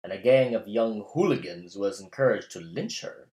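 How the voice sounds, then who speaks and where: A man narrating a classical tale in a measured, literary reading style. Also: lowish voice, expressive, a little mellow. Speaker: storyteller. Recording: roomy echo.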